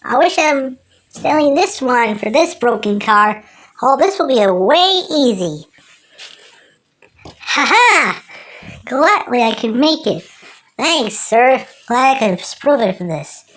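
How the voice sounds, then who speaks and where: An amateur performer voicing a cocky, excitable cartoon woodpecker who rambles and exclaims to himself. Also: medium pitch, slow, long pauses, a little hiss or hum. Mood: eager. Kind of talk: amateur cartoon character impression.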